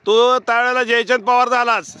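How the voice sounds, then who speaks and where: A man's voice: extremely high pitch, little pitch movement, moderate pace, a crowd in the background. A man in a comic phone call sketch, scolding and mocking in a lecturing tone.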